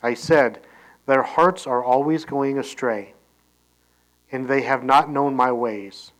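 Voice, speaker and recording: A man's voice: medium pitch, slow, poor audio. Male pastor, sermon, reads scripture then explains it, casual asides, self-corrections. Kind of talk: sermon reading scripture with commentary.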